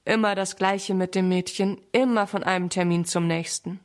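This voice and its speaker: A woman's voice: medium pitch, normal speed, lightly acted. A woman voicing a muttering older stable man in a children's story. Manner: muttering, grumbling.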